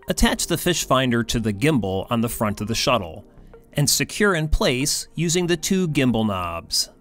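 Guy reading how-to steps, lively voice, quiet music behind. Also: mid-range voice. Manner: clear step-by-step instructions. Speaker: instructor. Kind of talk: scripted instructional voice-over. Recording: faint background music.

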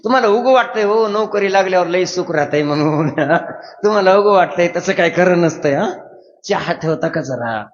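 A man, preaching a devotional sermon as a lively storyteller who asks the crowd questions. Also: high-pitched, fairly quick. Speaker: kirtan preacher. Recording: dull lo-fi sound in a long-echo hall.

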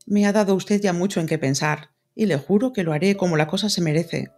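A woman's voice: fairly low pitch, brisk, darkish tone, voice pushed up. A woman voicing a spirited, independent young woman in an audiobook, speaking with polite but firm composure. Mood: composed. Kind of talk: audiobook character reading.

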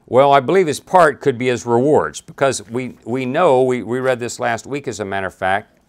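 A man's voice: mid-range voice, normal speed. A man teaching a Bible study, reading scripture aloud and talking it through in a conversational way with frequent restarts and asides.

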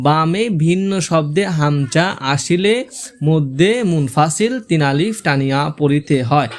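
A man with a fairly high-pitched voice teaches Quran reading step by step. He spells out the letters and vowel marks, then recites the words slowly.

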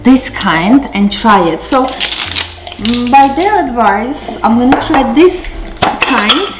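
A woman's voice: fairly high pitch, lively intonation, slow, background noise. A middle-aged woman with an Armenian accent, talking casually as she tastes food in a family vlog, still a little sick. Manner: chatty, tasting and commenting on food. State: recovering from a cold. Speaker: vlog host. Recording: echoey kitchen with background music.

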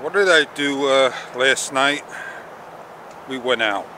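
A middle-aged man speaking at a medium pitch vlogs on an action camera at arm's length during a morning walk through a park. He's laid-back, drifting from thought to thought with many pauses, and has a candy in his mouth for his slightly sore throat. Traffic passes behind amid general outdoor noise.

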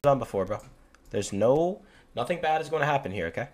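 A man's voice: medium pitch, expressive, a little fast, music in the background. A young adult man chatting casually as he streams a game. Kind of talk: casual livestream gaming chat.

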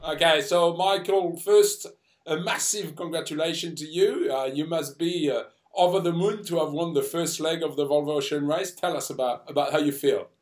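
A man's voice: a little high, moderate pace. A man interviewing a race winner in a casual, friendly way.

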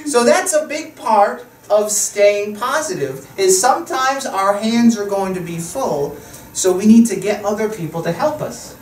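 A man presents like a kids' party magician, playful and teasing as he coaxes helpers along. He is recorded from a distance in an echoey classroom, with clear background noise. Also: high voice, measured pace. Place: school classroom. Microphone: distant camera. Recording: echoey, distant, noisy room.

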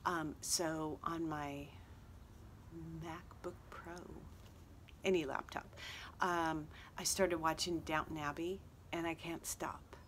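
A woman's voice: low-pitched, steady tone, slow pace, fairly bright tone, slight background noise. A woman talking casually to her viewers about her crafts, rambling with fillers and joking asides. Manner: chatty, rambling with fillers and self-deprecating asides. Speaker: craft vlogger. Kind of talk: casual chat to camera. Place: outdoors at a table.

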